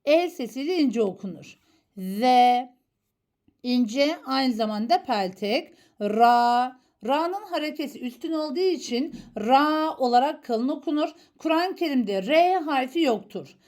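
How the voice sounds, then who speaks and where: A woman's voice: high-pitched, expressive, moderate pace, hardly any pauses, a little mellow. A woman teaching a Quran reading lesson, sounding out letters one at a time and correcting common mistakes. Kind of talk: slow, careful Quran alphabet lesson.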